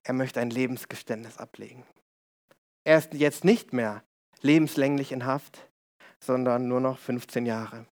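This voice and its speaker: A man's voice: medium pitch, steady tone, measured pace, darkish tone. A man telling a conversion story in a sermon, conversational and explaining, with asides to his listeners.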